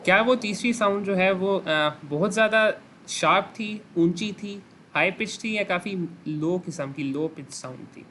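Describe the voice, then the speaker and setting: A man's voice: high-pitched, measured pace, few pauses, fairly bright tone, slight background noise. A man teaching a clinical lesson over a video call, explaining step by step, questioning his students and mixing in English phrases. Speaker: medical teacher.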